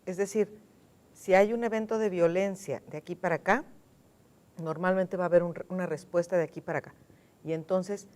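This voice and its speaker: A Mexican woman with a somewhat low voice, talking on a television studio panel. She is emphatic and insistent, repeats her key words, and slows right down to drive each point home. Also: fairly even intonation, a little mellow. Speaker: panel guest.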